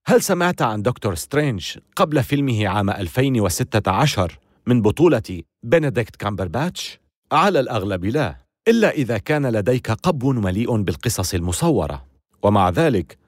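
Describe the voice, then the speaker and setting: Male narrator, scripted documentary, mid-range voice, lively melodic swings, dramatic phrasing. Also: mid-range voice, no echo, studio quality.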